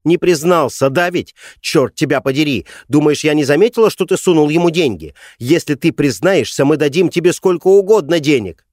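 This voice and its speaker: A man's voice: fairly high pitch, steady tone, normal speed, dry recording, clean studio sound, voice pushed up, lightly acted. A man voicing a hysterical, vengeful grieving woman who shrieks furious accusations in an audiobook. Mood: hysterical rage. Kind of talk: audiobook character voice.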